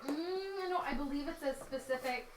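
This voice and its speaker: A woman's voice: high voice, moderate pace. A woman narrating as dungeon master in a chatty way, often laughing and correcting herself. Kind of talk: narrating a tabletop game. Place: dining room table with players. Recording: echoey room, mic far off, faint noise.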